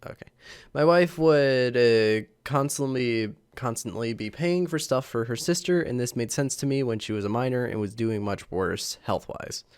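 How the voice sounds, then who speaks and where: Reading posts aloud for his channel, this young host sounds a bit under the weather, with a clear, resonant, mid-range voice at normal speed. It's a casual vlog recorded on a camera mic, full of rambling, chuckles, and fillers.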